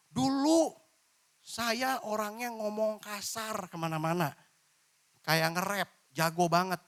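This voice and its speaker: A man preaching a lively, informal church sermon, from Indonesia. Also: high-pitched. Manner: lively, informal preaching with playful voiced examples. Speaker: pastor.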